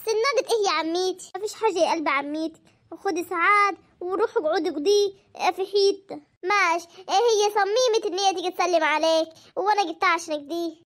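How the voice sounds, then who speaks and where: A speaker with an Egyptian accent who performs every role of a family drama series, trading quick, bickering household dialogue. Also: very high-pitched, fairly bright tone. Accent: Egyptian Arabic.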